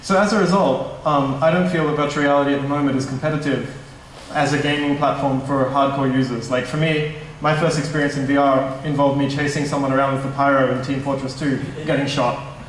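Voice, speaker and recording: Speaking fairly quickly in a steady, mid-range voice, a young tech startup presenter gives an easygoing yet slightly nervous conference talk, correcting himself along the way. He's in a large indoor meetup hall with echo, captured by a far-off stand mic, and there's slight background noise.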